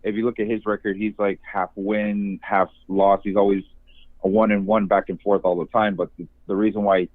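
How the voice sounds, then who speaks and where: Male caller, lower-pitched, rambling casual opinion, boxy telephone sound. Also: little pitch movement, moderate pace, no echo. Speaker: caller to an MMA talk show. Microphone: phone line. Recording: narrow phone-like call.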